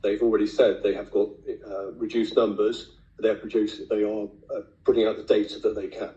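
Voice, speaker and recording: A man with a hoarse, raspy, failing voice, speaking bluntly as a councillor at a formal meeting. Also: lowish voice, level tone, brisk, dark tone. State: losing his voice. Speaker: county councillor. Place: indoor council meeting room. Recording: echoey meeting room, muffled lo-fi sound.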